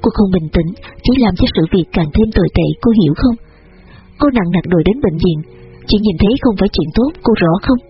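A man voicing a firm young man who calmly steadies a panicked girl. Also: high-pitched, fairly quick, muffled recording, soft background music, lightly acted. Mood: firm calming.

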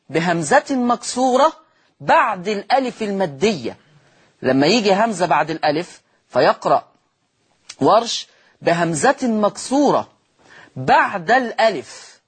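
A man's voice: sits high, husky. A man with an Egyptian accent teaches Quran recitation rules on TV, repeating and stretching each example word and answering his own questions. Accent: Egyptian Arabic. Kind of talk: televised Quran recitation lesson.

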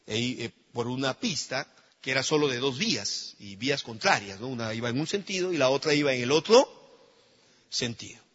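A man preaching a sermon in a church, telling stories with lively, animated delivery that swells into shouts. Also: mid-range voice, a little fast, breathy edge. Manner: animated storytelling, rising to shouts at the climax. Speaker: pastor. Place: church hall. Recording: dull, echoey church hall recording.

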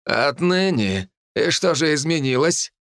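A man voicing an arrogant male archer leading mercenaries, boastful and defiant, often shouting. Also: fairly high pitch, animated, a little slow, dry recording, studio quality.

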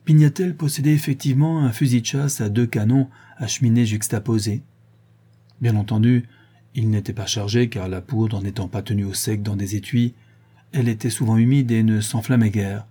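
Male audiobook narrator, husky and mellow, measured story reading. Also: fairly low pitch, steady tone. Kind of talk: scripted narration of a crime story.

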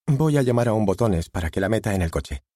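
Tracy is an anxious, forgiving wife who pleads and questions her husband in an audiobook reading. A man reads her part and raises his deep, husky voice for her. The sound is dry and close. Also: lively intonation, quick pace, mellow, dry recording. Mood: questioning. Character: worried, forgiving wife, middle-aged woman.

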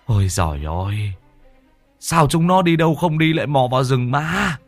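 A man voicing an old male village shaman who scolds and shouts. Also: mid-range voice, expressive, normal speed, no echo, soft background music, pitched above the performer's own voice, lightly acted. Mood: urgent.

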